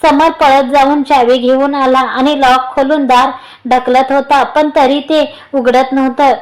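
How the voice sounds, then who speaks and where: High-voiced woman reading a story. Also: poor audio. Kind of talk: scripted narration of a serialized story.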